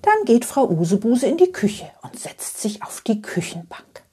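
A woman tells a bedtime story in a soft, half-whispered delivery, repeating phrases to lull the listener. She speaks very slowly, with a mellow, breathy tone. Her pitch rises and falls in a lively way.

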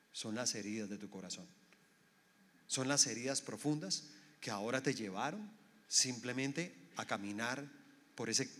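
A man's voice: medium pitch, fairly bright tone, long reverb tail. A man preaching a sermon, firing off rhetorical questions at the congregation and acting out the voices of the people in his stories. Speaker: pastor.

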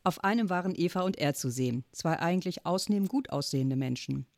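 A woman reading a children's chapter book aloud in a calm storytelling manner. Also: lowish voice, fairly quick, no echo, clean studio sound. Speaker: audiobook reader. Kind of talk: scripted story narration.

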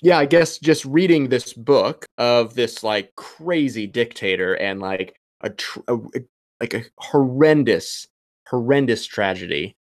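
A young man of medium pitch, speaking a little slowly, is a doctoral student on a podcast as a guest. He's thoughtful in the casual interview, thinking out loud and restarting often between ums. The recording is dry.

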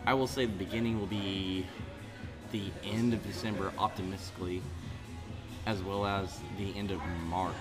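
This man, thirties and from Central California, speaks in a low, steady voice at a moderate pace. He's a podcast guest in a bar, chatting casually and wandering from one point to the next while music plays.

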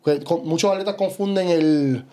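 Speaking at a normal speed in a fairly high voice, this young adult man with a Puerto Rican Spanish accent is a bodybuilder guest on a laid-back podcast. He tells animated stories, often dropping in "you know" and "¿sabes?"

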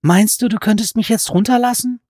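A man's voice: high-pitched, a little fast, darkish tone, dry recording, studio quality, pitched above the performer's own voice. A man voicing a wry young woman who pleads politely, while reading an audiobook. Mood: pleading.

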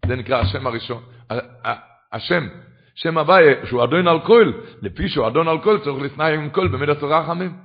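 A rabbi gives an impassioned Torah lecture in a fairly high man's voice. He rises at times into chanting. The recording is muffled and lo-fi. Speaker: rabbi teaching a class. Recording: dull lo-fi recording.

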